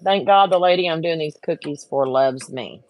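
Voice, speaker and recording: Chatty woman, low voice. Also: normal speed, a little mellow, no echo. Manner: chatty, frustrated, talks to viewers. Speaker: craft vlogger. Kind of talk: casual chat while working.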